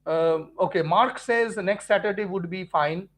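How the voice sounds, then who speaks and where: A man's voice: high-pitched, unhurried, a bit bright. A middle-aged man with an Indian English accent, hosting a casual live question session for his students, earnest and repetitive, with many fillers and restarts. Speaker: physics teacher hosting a live stream.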